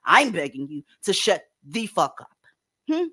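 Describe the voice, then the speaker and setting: A woman's voice: on the low side, very animated, a little slow, a bit bright, slightly rough. Woman host, blunt and cussing, with a bouncy, swinging voice. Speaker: podcast host. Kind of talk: profane commentary chat.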